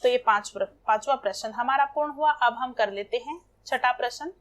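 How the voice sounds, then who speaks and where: A young woman with a slightly high voice teaches Hindi grammar to children. She talks patiently, repeating words and spelling out each example step by step. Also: normal speed. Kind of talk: classroom lesson explaining exercises.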